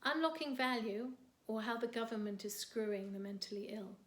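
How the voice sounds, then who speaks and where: A woman reading her own poems in a measured, earnest way, dropping softer on the heaviest words. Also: a little high. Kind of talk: poetry reading. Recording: roomy echo.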